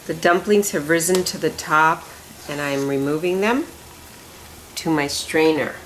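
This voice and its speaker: A home cook with a low, unhurried voice demonstrates a recipe step by step, chatting homely as she works in her kitchen. She's off-mic and far away in an echoey room, with slight hiss or hum and pots and cutlery clinking behind her.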